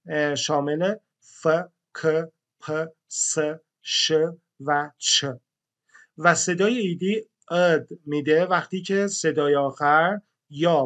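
Man teaching, spelling out sounds. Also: fairly high pitch. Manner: explains step by step, spells out sounds one by one; addresses learners warmly as friends. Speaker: English teacher. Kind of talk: classroom-style grammar lesson.

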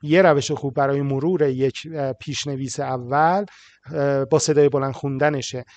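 Speaking in a mid-range, a little mellow voice with fairly even intonation, a Persian-accented man teaches English writing. He reads each English line slowly and clearly, then renders it quickly in translation with small fillers.

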